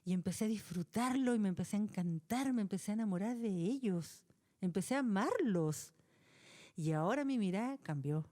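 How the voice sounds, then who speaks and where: A middle-aged Chilean woman telling a personal story as a podcast guest, colloquial and animated. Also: mid-range voice, a little fast.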